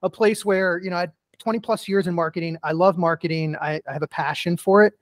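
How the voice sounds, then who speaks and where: A middle-aged man speaks as a podcast guest, his voice sitting high for a man. He tells earnest personal stories, peppered with "you know". The sound is dry and close, with little room. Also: steady tone, quick pace, no echo. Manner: earnest storytelling with many "you know" fillers. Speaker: guest, author and keynote speaker. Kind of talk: casual podcast interview.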